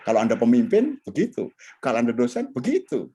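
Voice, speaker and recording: Animated man leading a training. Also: brisk, slightly rough. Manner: animated, swings pitch widely, addresses audience directly. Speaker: communication trainer. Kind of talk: online training session with shared slides.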